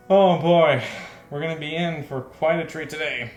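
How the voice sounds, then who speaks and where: At a measured pace and fairly high pitch, a male streamer hosts a laid-back let's play, frustrated, poking fun at himself and laughing often. Faint music plays behind him in a roomy, echoing space.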